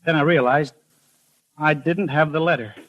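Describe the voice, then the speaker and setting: In a lightly acted performance at normal speed, a fairly high male voice plays a nervous postman with a vivid imagination, 1950s radio drama style. He broods anxiously as he narrates his suspicions and turns hesitant and stammering when addressing others. The lo-fi audio recalls a 1950s broadcast with music.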